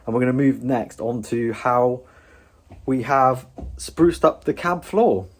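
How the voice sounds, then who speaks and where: A man's voice: medium pitch, slow pace, slightly rough. A man hosting a do-it-yourself build video, explaining the work in an informal, casual way. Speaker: DIY bus conversion video host.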